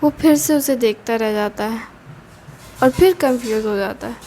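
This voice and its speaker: Woman storyteller, high voice, plain steady narration, faint background noise. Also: moderate pace.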